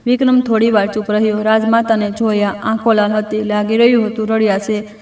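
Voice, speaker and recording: A woman narrating a scripted story in even, measured short phrases. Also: medium pitch. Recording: roomy, distant mic.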